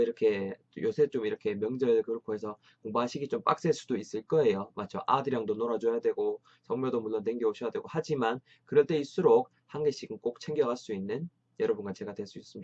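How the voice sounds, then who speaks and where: A man leads an English lesson with energy and encouragement, repeating phrases for learners to copy. His pitch sits in a middle register. The sound is slightly dull, as if from a modest lo-fi setup. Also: a little mellow, husky. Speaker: English teacher.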